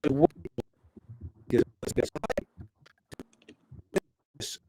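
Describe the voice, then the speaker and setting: A man's voice: warm tone, a little hiss or hum. A man hosting a casual chat over a video call, his audio buffering and cutting out in choppy bursts as he rambles. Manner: rambling, halting talk full of restarts. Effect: choppy, buffering call audio that cuts in and out. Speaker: podcast host on a video call.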